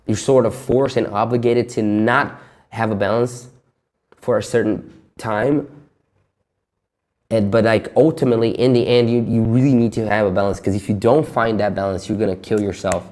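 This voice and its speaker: With a fairly low, darkish voice, this man in his twenties delivers a frank personal monologue. He's venting, swearing a lot, and laughing nervously now and then.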